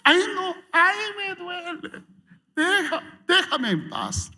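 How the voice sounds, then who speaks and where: Risen man in grave wrappings, shrill squealing whimper, very high, echoey hall. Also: sing-song, takes it slowly, bright, forceful tone, heavily acted. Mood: pained whining.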